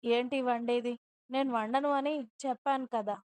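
A defiant, spoiled young wife from a storybook, as a woman narrator puts her on. She answers back with haughty scorn in a higher voice that stays flat and even in its tune. The sound is smooth and clear, close and dry. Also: normal speed, dry recording, natural voice. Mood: stubborn.

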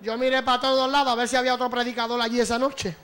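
A man preaches with a strikingly high voice. He delivers a fervent evangelist's sermon and keeps calling out to his congregation. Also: flat delivery, very fast, fairly bright tone, clean tone.

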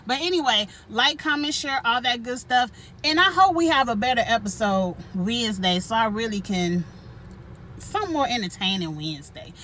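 Blunt, bright-voiced woman vlogger. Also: on the high side, lively intonation, moderate pace, a little hiss or hum. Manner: blunt, profane and outspoken, with frequent laughs; talks straight to viewers. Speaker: channel host reviewing a reality show. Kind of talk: casual vlog commentary.

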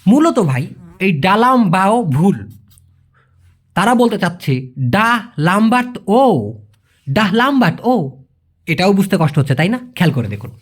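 Animated man teaching a language. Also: sits high. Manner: chatty, repeats key words, asks the viewer to check understanding. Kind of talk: informal lesson answering viewer questions.

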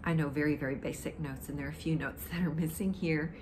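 Here an older amateur guitarist chats to camera from her living room sofa, introducing a song while wandering off into memories. She speaks quickly in a low, fairly even voice with a dry throat, and the home recording is noticeably noisy.

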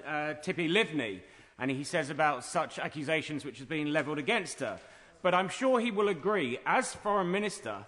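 A man's voice: a little high, a bit bright. Man challenging in heated parliamentary debate, reverberant hall. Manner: formal, polite but challenging. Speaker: member of parliament. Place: large debating chamber.

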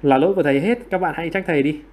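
Higher-voiced man coaxing students for answers. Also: darkish tone. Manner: self-deprecating, quick to apologize with laughs. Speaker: online English teacher. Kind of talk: livestream quiz teaching.

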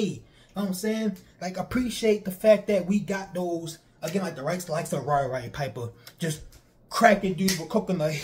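A man's voice: sits high, darkish tone. A young man streams casual wrestling commentary. He talks straight at his viewers, loops back over his points and swings his delivery up and down.

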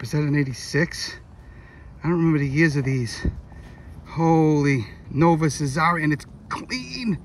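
A man narrating his metal detecting finds outdoors in a casual way, often exclaiming with excitement. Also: medium pitch, slight background noise. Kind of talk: casual narration while digging. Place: outdoors in a large field.

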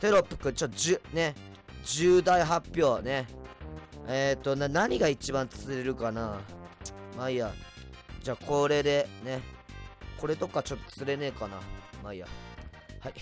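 Tipsy guy streaming from home on a cheap mic, rambly, goes off loud out of nowhere, bouncy pitch. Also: expressive, normal speed, pauses often, soft background music. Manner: rambling, erratic, jumps to loud outbursts. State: tipsy from drinks. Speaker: livestreamer, band vocalist. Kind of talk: casual livestream chat reading comments. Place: at home, indoors. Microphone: cheap desk mic.

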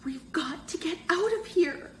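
A woman's voice: fairly high pitch, lively intonation, normal speed, reverberant, a little hiss or hum, voice pushed up, natural voice. A woman reading aloud, voicing a frightened, urgent young girl in a storybook. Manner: urgent, bossy.

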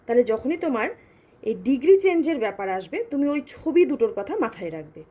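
A woman teaching English grammar in a patient lesson, asking her students questions and reading example sentences slowly. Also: high-pitched, big pitch swings, warm tone.

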